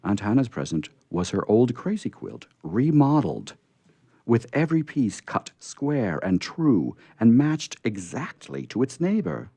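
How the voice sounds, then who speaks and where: Here the radio theatre host speaks in a warm, husky mid-range voice with big pitch swings, going a little slow. He reads a story aloud live and chattily to a small group, with no room sound.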